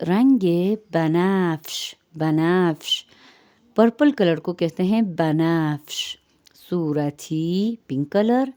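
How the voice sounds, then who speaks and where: A woman teaching vocabulary, stretching out words slowly to model their pronunciation. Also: fairly low pitch, mellow. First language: Urdu. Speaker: language teacher. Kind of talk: vocabulary lesson.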